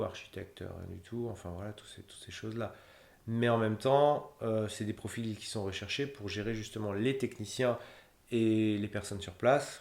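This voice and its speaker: A humanitarian logistician in his thirties answers interview questions in a rambling way, full of fillers and restarts. His voice is lowish and creaky, and the recording has a roomy echo.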